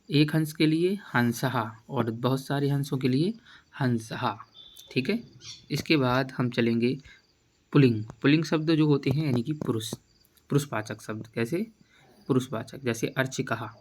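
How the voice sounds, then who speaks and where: A man's voice: medium pitch, a little hiss or hum. Man teaching a lesson, word by word. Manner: explanatory, repeats each word aloud, asks questions. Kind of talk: classroom lesson walkthrough.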